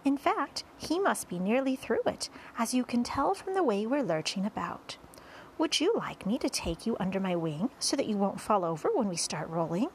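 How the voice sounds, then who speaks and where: A woman voicing a kind, gentle female ladybug, explaining things with reassuring confidence in a storybook. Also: medium pitch, very animated, normal speed, slight background noise. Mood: confident, bright.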